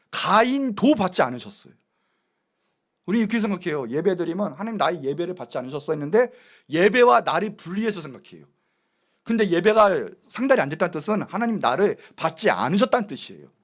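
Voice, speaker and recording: A man preaches from the pulpit of a church, his voice pitched high and swinging widely up and down. He presses his points with rhetorical questions aimed straight at the congregation. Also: big pitch swings, fairly quick. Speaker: pastor. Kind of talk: sermon. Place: church sanctuary.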